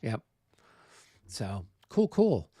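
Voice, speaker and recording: A man's voice: on the low side, very animated, drawn-out words, mellow, breathy edge, no room sound, clean studio sound. A man hosting a livestream of a tabletop wargame, chatting casually and laughing often. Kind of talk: casual chat.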